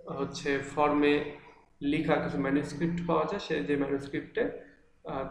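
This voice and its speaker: A man's voice: a little high, slight background noise. A male teacher giving an online class from an empty room that echoes, explaining patiently with frequent fillers and restarts. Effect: echo from an empty room. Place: large, mostly empty room.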